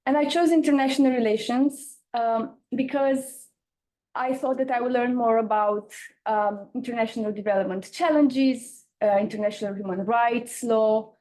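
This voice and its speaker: Young Eastern European woman, slightly high voice. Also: moderate pace, warm tone. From Romania. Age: young adult. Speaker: campaigner, panel speaker. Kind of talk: informal conference talk.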